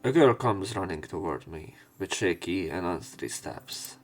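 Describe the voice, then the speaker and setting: A man's voice: low-pitched, very animated, normal speed, faint music behind. A man reading a visual novel aloud for a let's play, stumbling over words and correcting himself.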